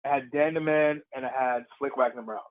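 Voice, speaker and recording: A man, a professional wrestler, telling stories in a casual interview, lively and laughing as he acts out the crowd's voices. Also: medium pitch, a little fast, narrow, tinny audio. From Puerto Rican heritage.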